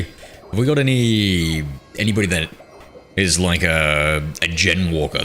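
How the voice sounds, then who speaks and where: A man's voice: low-pitched, fairly bright tone. A man, a game streamer chatting casually and bantering with his chat as he reads it aloud. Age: 30s.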